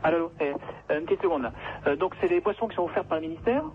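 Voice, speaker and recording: A man's voice comes through a tinny, hissing telephone line. He talks quickly and sits high for a man. He sounds flustered, protesting again and again. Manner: flustered, keeps protesting with repeated "non, non". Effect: heard over a telephone line. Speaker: employee of a trucking firm answering a call. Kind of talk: unscripted phone conversation. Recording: noisy, narrow telephone line.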